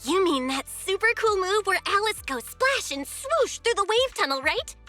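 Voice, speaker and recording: Anime game best-friend girl: very high, animated, peppy, supportive. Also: moderate pace, soft background music, full character voice. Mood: curious, chirpy. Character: bubbly, supportive young female friend.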